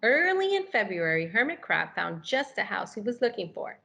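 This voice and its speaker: A woman reading a picture book aloud to children, animated and expressive, with questions for young listeners. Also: mid-range voice, moderate pace, gravelly. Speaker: story reader for children.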